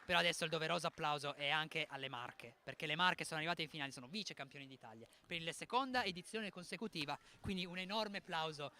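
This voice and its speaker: A man commentating a youth football final live, his voice pitched high and bright. He rattles along quickly and celebrates with emphatic energy. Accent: Italian.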